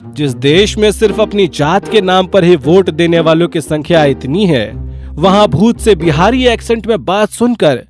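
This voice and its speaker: Lively male storyteller over music. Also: high-pitched, moderate pace. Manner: lively, wry comic narration. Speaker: narrator. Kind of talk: scripted storytelling narration.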